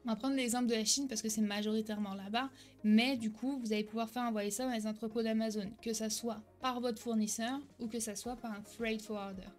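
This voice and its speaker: A fairly high-voiced young woman coaching straight to the viewer with lively energy, often checking in with a quick "ok?". She stumbles and corrects herself now and then without losing momentum. Soft music sits faintly underneath. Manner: some hesitations and self-corrections. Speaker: online selling coach. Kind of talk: direct-to-camera tutorial.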